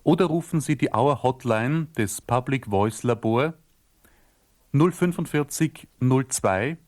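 Slow, careful male announcer. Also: medium pitch, expressive, a little mellow. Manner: spelling out carefully. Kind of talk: scripted announcement.

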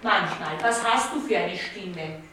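A woman's voice: on the low side, a little slow. Austrian woman teacher in an echoey room. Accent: Austrian German. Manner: patient, asks simple questions and repeats the students' answers. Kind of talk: classroom talk with hard-of-hearing students. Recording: very echoey room with background noise.

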